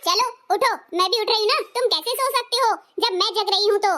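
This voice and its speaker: A woman's voice: very high-pitched, a little fast, sharp tone. A woman playing a lazy young daughter-in-law who whines and complains in a comedy skit. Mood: complaining. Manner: whiny, complaining.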